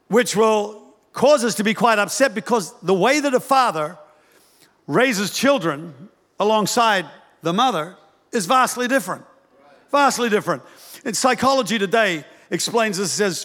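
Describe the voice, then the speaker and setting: A high-pitched man preaches a sermon from the pulpit, with a long echo from the church hall around him. He is animated and humorous and acts out little voices as he speaks. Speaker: pastor.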